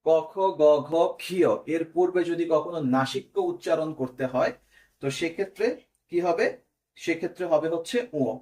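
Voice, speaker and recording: A young man teaches an online exam-prep class. His voice sits a little higher than most men's. He explains step by step and keeps checking in with his students. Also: a little fast, a little mellow.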